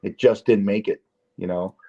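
A man's voice: lowish voice, steady tone, moderate pace, dark tone. Rambling man on a dull, lo-fi line. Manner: rambling, restarts, emphatic storytelling. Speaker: podcast host. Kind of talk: casual chat. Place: Las Vegas. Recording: dull lo-fi audio.

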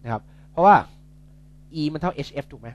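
A man's voice: a little high, lively intonation, normal speed, lo-fi sound. A young man tutoring physics in a casual, chatty way, joking and correcting himself as he works through problems.

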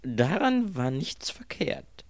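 A man voicing a cool, wry gentleman. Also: on the high side, sing-song, slow, dry recording, voice pushed up, exaggerated voice.

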